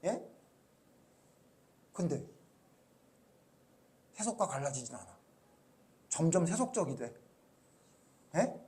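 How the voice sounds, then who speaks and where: Male pastor, high voice, preaching with questions to the congregation, soft asides and loud bursts. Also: sing-song, slow, long pauses. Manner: swings from soft low asides to loud emphatic outbursts. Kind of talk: sermon.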